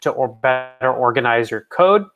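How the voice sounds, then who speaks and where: A man presents a proposal over a video call, and his audio is choppy and keeps dropping out. He explains in long lists and often restarts his sentences, at an ordinary middle pitch for a man. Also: animated, normal speed, fairly bright tone, lo-fi sound, faint music behind. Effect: choppy call audio that keeps cutting out.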